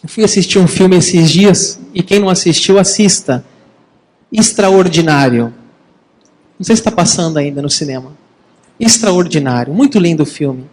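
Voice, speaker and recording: A man preaching a sermon in a lively, conversational way, addressing the congregation as brothers. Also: on the high side, moderate pace, in a large hall, low-quality recording. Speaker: pastor.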